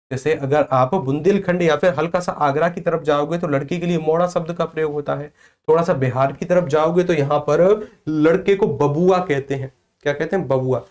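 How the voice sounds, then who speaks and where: A male teacher from northern India leads an exam coaching class in a slightly high voice. He asks the class a question, gives the answer himself, and drills the key point again and again. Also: darkish tone. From Vrindavan area, northern India. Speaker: Hindi teacher.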